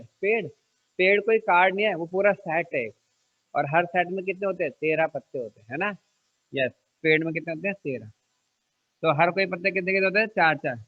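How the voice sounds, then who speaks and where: A man's voice: high-pitched, lo-fi sound. A man teaching a math lesson to children, asking them questions and answering them himself, joking now and then and repeating key numbers. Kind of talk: classroom-style math lesson.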